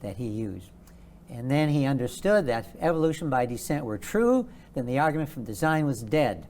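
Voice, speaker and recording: A man as an interview guest, explaining at length in a measured, lecturing way and stressing key words. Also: mid-range voice, big pitch swings, a little mellow, slight background noise. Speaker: guest author.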